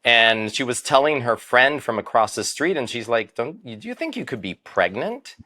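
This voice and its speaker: A man's voice: medium pitch, sing-song, normal speed, sharp tone. A man in his fifties from Miami whose first language was Spanish, telling his story as a doctor in an interview. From Miami, United States. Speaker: doctor, podcast guest.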